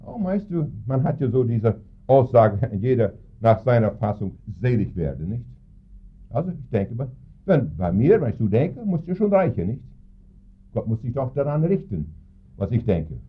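A middle-aged man preaching a sermon, telling stories with lively, emphatic intonation. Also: medium pitch, normal speed, husky. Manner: storytelling, lively intonation with sudden emphatic rises. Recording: tinny phone-like sound.

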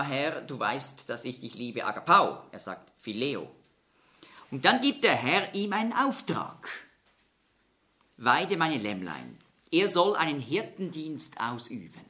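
A man preaching a Bible-teaching sermon, explaining scripture in a measured way and slowing down to stress quoted words. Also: mid-range voice, big pitch swings, bright, forceful tone.

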